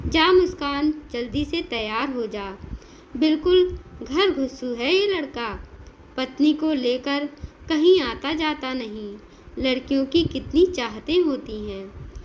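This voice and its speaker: A woman's voice: sits high, animated, takes it slowly, highs cut off, slight background noise. A woman voicing a kind, doting older mother-in-law who speaks affectionately and coaxingly in a storybook tale.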